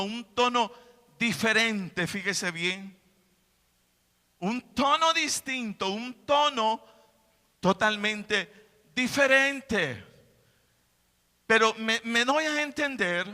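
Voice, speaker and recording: A man's voice: very high voice, bright, forceful tone, long reverb tail. A man preaching a sermon in a church, emphatic, repeating his phrases. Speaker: pastor.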